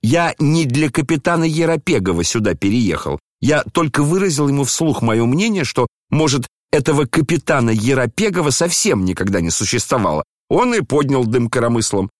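A man's voice: mid-range voice, big pitch swings, normal speed, few pauses, dry recording, studio quality, pitched above the performer's own voice, close to an everyday voice. A man voicing a sickly young man who talks in a mocking, sneering tone.

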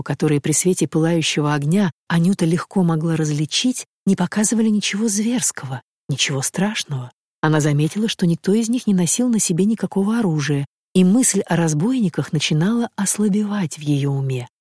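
An audiobook reader giving scripted literary narration in an even, measured storytelling manner. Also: mid-range voice, breathy edge, dry recording, studio quality.

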